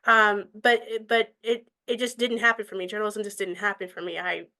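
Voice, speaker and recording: A woman's voice: medium pitch, little pitch movement, brisk, bright, forceful tone. A woman from California, a student asking a question, who hesitates and searches for her words. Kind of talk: casual conversation.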